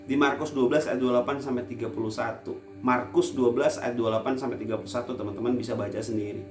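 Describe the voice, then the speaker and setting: A man preaching a casual youth sermon for an online service, with playful teasing asides, swinging from loud emphasis to quiet low lines. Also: fairly even intonation, racing, reverberant, music in the background.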